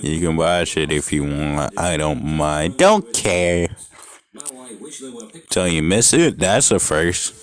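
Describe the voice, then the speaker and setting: Reading a fan story aloud with commentary, a young man speaks slowly in a low, expressive voice. His reading is uneven, and he keeps pausing to crack jokes and curse.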